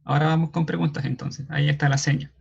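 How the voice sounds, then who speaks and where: Gravelly-voiced Chilean man teaching online. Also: on the high side, little pitch movement, quick pace. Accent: Chilean Spanish. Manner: checks in often with a questioning "ya". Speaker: sign language class moderator. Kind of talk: online class explanation. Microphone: video call. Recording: dull lo-fi video call audio.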